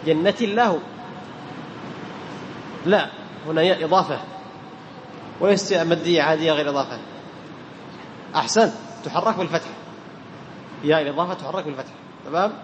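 A man teaching the rules of Quran recitation to a class, quizzing his students and repeating key terms, chanting the verse examples slowly. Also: on the high side, in a large hall, a little hiss or hum.

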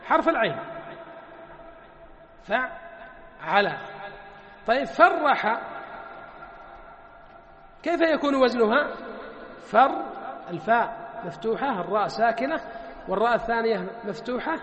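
A man teaching a grammar lesson. He asks the class questions, answers them himself, and draws out word forms slowly. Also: extremely high pitch, lively intonation, fairly bright tone, muffled recording. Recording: echoey hall.

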